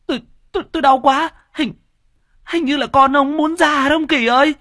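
A man voicing a pregnant young village wife in labor, stammering and wailing in a shrill voice. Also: steady tone, normal speed, sharp tone, no room sound. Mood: panicked.

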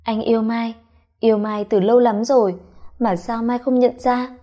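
A woman's voice: a little high, fairly even intonation, moderate pace, mellow, lightly acted. A woman voicing a tipsy, sugary young husband. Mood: tipsy teasing. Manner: slurred, whiny, sugary. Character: tipsy affectionate young husband, sweet-talking.

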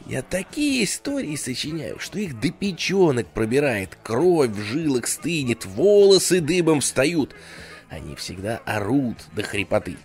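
Gravelly, slow-reading man. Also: medium pitch. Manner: theatrical, sinking to a hushed whisper. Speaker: audiobook reader. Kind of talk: audiobook narration.

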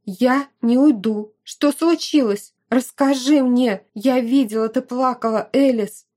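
A woman voicing a lively, outspoken young woman, a caring and protective friend, who talks emphatically and at length. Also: a little high, moderate pace, natural voice. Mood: worried. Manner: emphatic, talkative. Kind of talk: audiobook character voice.

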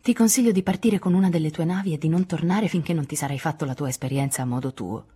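A woman's voice: sits low, fast, warm tone, slightly rough. A woman voicing a bold, tomboyish teenage girl who always has a plan, in a storybook reading. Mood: confident.

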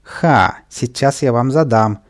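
A man voicing a mischievous small male imp in a children's storybook, shrill and boastful, sliding into whining. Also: expressive, moderate pace, mellow, lightly acted. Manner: shrill, boastful then whimpering.

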